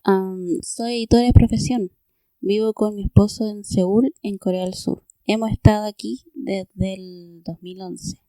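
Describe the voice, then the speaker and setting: A woman answering interview questions in a calm, matter-of-fact way. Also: medium pitch, a little slow, no room sound. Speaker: interview guest.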